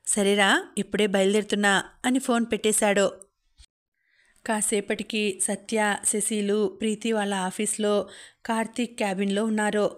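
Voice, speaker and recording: A woman narrating a novel aloud in a steady, even way. Her pitch hardly rises or falls, and she stays at a middling height. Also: normal speed. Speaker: audiobook narrator.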